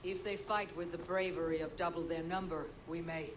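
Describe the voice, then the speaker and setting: A woman playing a steady Viking warrior chieftain in a video game, speaking in a measured, commanding way. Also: fairly low pitch, lightly acted. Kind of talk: video game dramatic acting. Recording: loud wind and game ambience.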